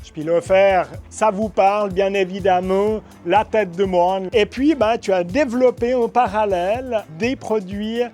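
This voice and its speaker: A man's voice: high voice, measured pace, few pauses, darkish tone. A man, presenting local food producers on location in an effusive, enthusiastic way. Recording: music behind the voice.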